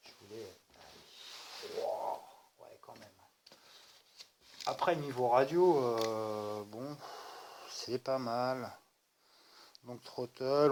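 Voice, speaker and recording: A man hosting an unboxing video, chatting casually and jokingly straight to his viewers. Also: fairly high pitch. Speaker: RC hobby channel host. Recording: noisy home recording.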